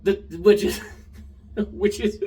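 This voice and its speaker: A young man giving a casual, sarcastic TV show review, now and then getting loud. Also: high-pitched, takes it slowly, distant mic, low-quality recording. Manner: animated, sarcastic, gets loud.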